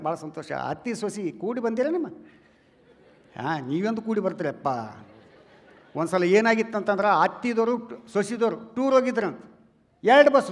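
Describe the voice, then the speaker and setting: North karnataka guy doing standup, really high voice, big echoey hall. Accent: North Karnataka Kannada. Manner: chatty, addresses the crowd as "relatives", loud stage delivery. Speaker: stand-up comedian. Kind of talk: stand-up comedy before a live audience. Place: stage in a large hall. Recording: long hall reverb.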